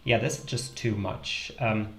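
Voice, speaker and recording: A young adult man from Italy, speaking with an Italian accent, hosts a livestream and chats casually with viewers while drawing, thinking aloud with lots of fillers. His lowish voice is fairly even in intonation and a little slow. He uses a headset in a small indoor room, and the recording is echoey with faint music.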